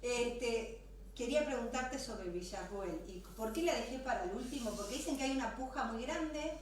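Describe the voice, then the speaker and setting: A woman's voice: a little high, moderate pace, heavy reverb, recorded from a distance, slight background noise. A woman with an Argentine accent, a friendly, admiring TV host asking a guest for his opinions. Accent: Argentine Spanish. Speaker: TV interviewer, host. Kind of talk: TV interview.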